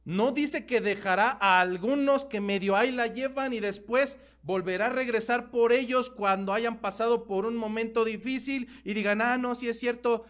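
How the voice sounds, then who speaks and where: A man with a Mexican Spanish accent preaching a sermon as pastor, emphatic, slowing down to stress key words. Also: very high-pitched.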